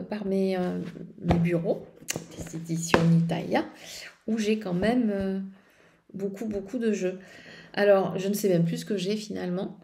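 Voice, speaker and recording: A woman's voice: medium pitch, a little mellow. A woman vlogging casually about tarot decks, rambling with frequent hesitations and restarts. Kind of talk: casual tarot show-and-tell.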